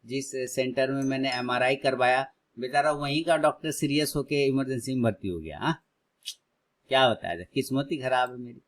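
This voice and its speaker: A man in his thirties hosting a live trading stream, chatting casually with viewers and loudly urging prices on. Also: medium pitch, a little fast. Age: 30s. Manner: excitedly cheers prices on, then chats calmly with viewers.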